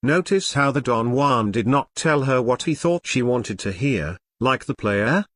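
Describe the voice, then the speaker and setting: A man reading an audiobook aloud in a wry, mock-grandiose way, with dramatic pauses, close to the mic. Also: mid-range voice, lively intonation, fairly bright tone, no echo. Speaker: audiobook narrator. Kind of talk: scripted narration.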